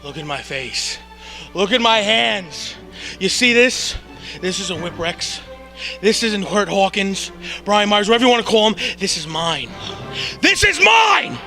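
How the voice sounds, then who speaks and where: Wrestler guy growling then yelling, menacing promo, high voice. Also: measured pace, faint music behind. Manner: intense, menacing, swings from low growls to yells. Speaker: pro wrestler.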